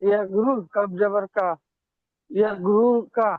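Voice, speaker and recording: A man's voice: high voice, steady tone, a little slow, no room sound. A male student reading and spelling out syllables hesitantly in an online recitation class. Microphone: video call. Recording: tinny phone-like call audio.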